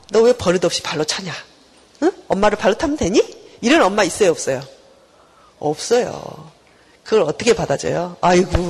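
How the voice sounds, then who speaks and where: A woman professor giving a university lecture, animated and asking her class rhetorical questions. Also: fairly low pitch, slightly rough. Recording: reverberant lecture hall.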